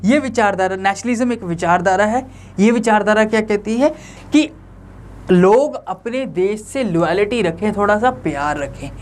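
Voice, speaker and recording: A man's voice: sits high, normal speed, a little hiss or hum. A young man teaching an online lecture in a conversational way, often asking the viewers rhetorical questions.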